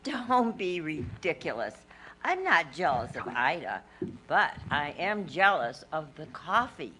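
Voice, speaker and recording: A woman's voice: sits low, sing-song, unhurried, pushed and bright, slight background noise, exaggerated voice. A woman doing an envious small-town housewife. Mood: gossipy. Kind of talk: comic radio melodrama acting.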